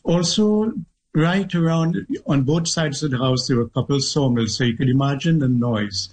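A middle-aged man from Trinidad with a Trinidadian accent, a guest author telling stories from his childhood in a measured, thoughtful way, with pauses and restarts. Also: mid-range voice, a little mellow, poor audio. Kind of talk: reflective interview storytelling.

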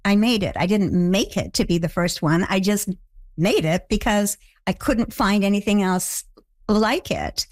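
A woman's voice: mid-range voice, measured pace, dry recording. An older woman from Canada, a TV show creator, answering interview questions reflectively with stammered restarts.

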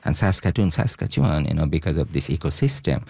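A man from Bangladesh, a researcher guest on a radio interview, speaking haltingly with many fillers. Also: rumbling low, sing-song, creaky, warm tone, breathy edge, dry recording.

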